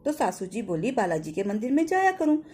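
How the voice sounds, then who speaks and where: A woman's voice: a little high, big pitch swings, fairly quick, a little mellow. A woman telling a devotional folk tale in a homely way, slipping into short sung verses. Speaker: devotional storyteller. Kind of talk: folk katha storytelling.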